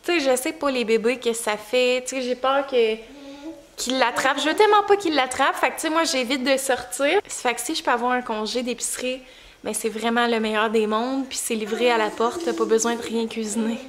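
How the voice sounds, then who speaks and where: A woman's voice: a little high, steady tone, brisk. A young woman with a Quebec French accent chats casually in a vlog, her articulation slightly off as if she has just bitten her tongue and it has swollen. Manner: informal, chatty storytelling. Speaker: vlogger and mother.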